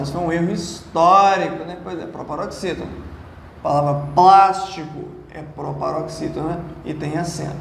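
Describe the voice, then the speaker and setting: A man with a Brazilian Portuguese accent giving an exam-prep lesson, chatty and lively, often asking the viewer questions. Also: sits high, vocal fry. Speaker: Portuguese teacher. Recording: echoey room with faint noise.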